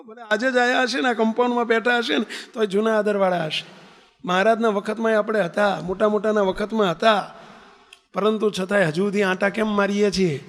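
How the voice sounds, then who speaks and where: A man preaching in a high, bright voice, his words trailing off into a long hall reverb. He tells his stories vividly, acts out the characters and keeps asking his listeners questions. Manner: lively storytelling, acts out quoted voices, frequent rhetorical questions. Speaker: religious leader preaching to devotees. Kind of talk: Gujarati sermon with parables. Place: large temple hall or compound.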